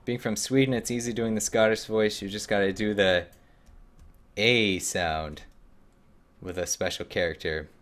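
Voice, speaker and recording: Male game streamer, casual commentary, rambling, self-mocking, lowish voice. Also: steady tone, measured pace, a bit bright.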